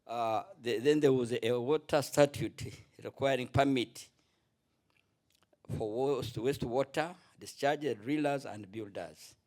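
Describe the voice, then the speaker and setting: A middle-aged man giving a spontaneous remark at a conference panel, halting and restarting often. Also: medium pitch, darkish tone. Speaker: panel contributor, former legislator.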